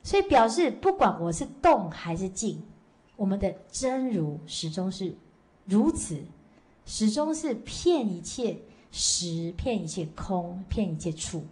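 A woman's voice: mid-range voice, sing-song, darkish tone. A woman Buddhist teacher giving a dharma lecture to a class, telling stories and tagging her sentences with short fillers. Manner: storytelling with frequent "好" and "哦" tags; slow measured chanting leader at the close.

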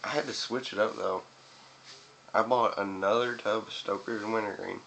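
Fairly low in pitch and fairly bright, with vocal fry, the young man keeps a steady tone and moderate pace while chatting to camera. He's a video reviewer with chewing tobacco in his mouth, rambling and swearing in a small indoor room by a window. Expect noisy webcam-style audio.

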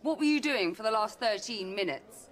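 A woman's voice: medium pitch, lively intonation, moderate pace, close to an everyday voice. A woman playing a stern, exacting senior doctor in a medical drama, clipped, authoritative and coolly sarcastic. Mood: stern, scolding. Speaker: emergency department consultant. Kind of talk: filmed medical drama acting.

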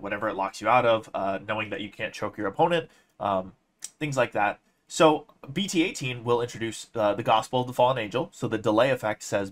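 A young man with a slightly low voice talks casually to camera. He lays out his opinions on a card game in a measured, explanatory way, like a hobbyist commentator. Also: a bit bright. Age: young adult.

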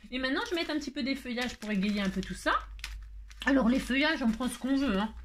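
A woman's voice: sits high, animated, quick pace, a little hiss or hum. Chatty French woman crafting. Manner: chatty, exclaims often, thinks aloud. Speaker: card-making tutorial host. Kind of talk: casual crafting tutorial.

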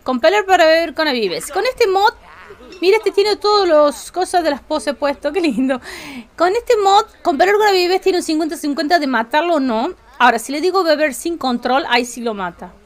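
A woman's voice: very high voice, expressive, normal speed. A woman with a Rioplatense Spanish accent chatting and giggling casually while commenting on a life-sim game she streams.

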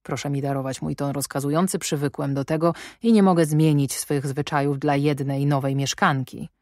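A brusque, commanding gentleman, as a woman reads him aloud for an audiobook, questioning sharply and with dry irony. The voice sits low and is heard close and dry, with no room sound. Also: steady tone, moderate pace, no echo. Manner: imperious, probing, sardonic. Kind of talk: audiobook reading.

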